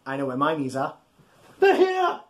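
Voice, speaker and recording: A thirtysomething man with a fairly high voice reads a picture book aloud at a normal pace, hamming it up and cheering on the young listeners he addresses directly. He's animated and acts out the story physically, hosting this children's storytime from a small room in his home.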